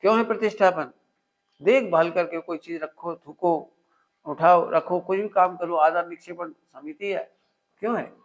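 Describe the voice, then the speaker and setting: A man with a high voice delivers a spiritual discourse to an audience, animated and full of household examples. He keeps stopping to quiz his listeners and have them repeat the point back. The recording sounds dull and lo-fi. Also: moderate pace. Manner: quizzes listeners with call-and-response questions. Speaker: religious teacher.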